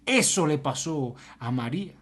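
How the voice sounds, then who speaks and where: A man's voice: fairly high pitch, expressive, moderate pace, a bit bright, breathy edge. A man preaching a sermon, dramatic, swinging between emphatic lines and near-whispers.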